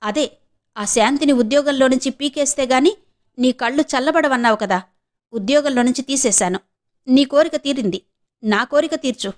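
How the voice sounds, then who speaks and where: Woman voicing angry menacing husband, storybook reading, teeth clenched, higher voice. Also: moderate pace, long pauses, natural voice. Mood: demanding. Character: angry threatening husband, middle-aged man. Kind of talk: audiobook character reading.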